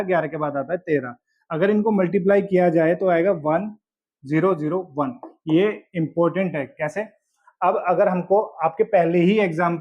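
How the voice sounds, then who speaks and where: A man with a high voice teaches a school math lesson. He works through each example step by step and keeps checking that the class is following. The audio sounds dull and lo-fi. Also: darkish tone, breathy edge. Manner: explains step by step, checks in with "ठीक है". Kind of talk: board-exam math lesson.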